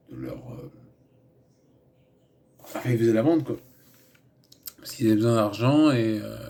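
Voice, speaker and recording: A man's voice: medium pitch, vocal fry, dark tone. A man giving a loose, rambling film review in casual chat, full of fillers, restarts and asides. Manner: meandering, many fillers and restarts, chatty asides.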